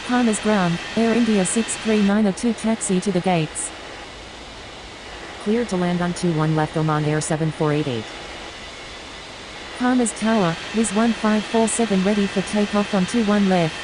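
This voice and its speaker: Female actor as airline pilot, radio phraseology, medium pitch, businesslike, clear hiss and engine-like noise. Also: moderate pace, close to an everyday voice.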